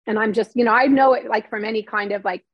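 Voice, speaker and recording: A woman's voice: fairly high pitch, fairly even intonation, fast, no room sound, lo-fi sound. A middle-aged woman, a former TV news reporter and now a novelist, talking candidly in an interview and peppering her story with "like" and "you know". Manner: chatty, heavy use of "like" and "you know", acts out quotes; earnest and candid. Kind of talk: emotional personal storytelling in conversation.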